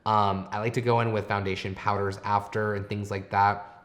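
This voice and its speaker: A man giving explanatory makeup commentary as a host, advising in a conversational tutorial style. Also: fairly low pitch.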